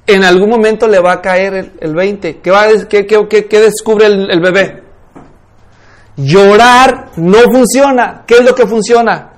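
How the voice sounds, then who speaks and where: High-voiced man teaching a church class. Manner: lively, rhetorical questions to audience.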